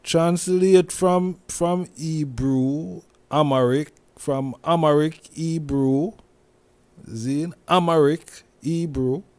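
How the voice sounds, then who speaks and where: A man with a Jamaican accent, talking through a casual commentary monologue as host, slowly, with many restarts and repeated words. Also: fairly high pitch, darkish tone, no echo. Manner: slow, repetitive, with many restarts and "you see me?".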